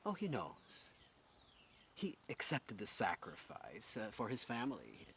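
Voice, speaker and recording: An actor playing a volatile film director who stammers and bursts into shouting. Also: male voice, medium pitch, wildly swooping pitch, measured pace, breathy edge, dry recording, heavily acted. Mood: hushed, scheming.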